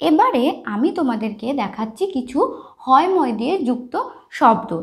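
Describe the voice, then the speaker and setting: Lively high-voiced woman teaching. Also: normal speed. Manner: explains step by step, checks often with the listener. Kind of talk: lesson on writing and pronunciation.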